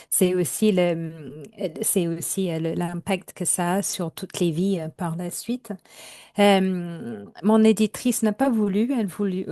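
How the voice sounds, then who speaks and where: Woman author guest, mellow dark tone, dry sound, hesitant conversational delivery. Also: mid-range voice, no room sound. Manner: hesitant, many fillers and restarts. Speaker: novelist guest. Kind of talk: casual interview answers.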